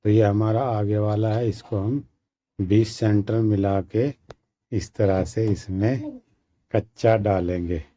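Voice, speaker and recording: A man with a slightly sore throat gives a slow, repetitive step-by-step sewing tutorial as a tailoring instructor. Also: on the low side, fairly even intonation, mellow. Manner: slow, repetitive instructions addressing viewers as friends.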